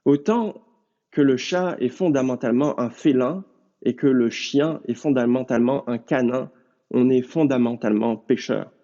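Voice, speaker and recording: Earnest preacher man, dark voice. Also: medium pitch. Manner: earnest, measured, addressing listeners directly. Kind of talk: sermon. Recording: dull lo-fi recording.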